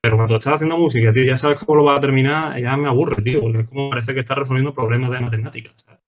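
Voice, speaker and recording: A man with an Andalusian Spanish accent, a guest musician chatting casually and fast, full of slang fillers. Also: mid-range voice, steady tone, crowd noise. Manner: fast, slangy, says "tío" and "¿sabes?" constantly. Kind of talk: casual podcast chat. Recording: dull lo-fi sound.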